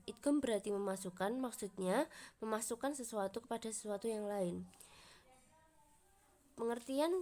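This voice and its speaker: A young woman from Indonesia, a university student, reads a class presentation in a steady, explanatory way and slows down to recite Arabic examples. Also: medium pitch. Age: young adult.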